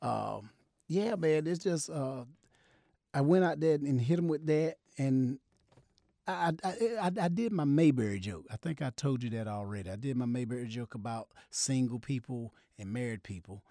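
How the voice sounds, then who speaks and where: A man who works as a comedian, telling stories from his shows in casual chat. He is animated, repeats words and belts out the loud parts. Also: mid-range voice, moderate pace, vocal fry, no echo, studio quality. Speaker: comedian and event host, guest.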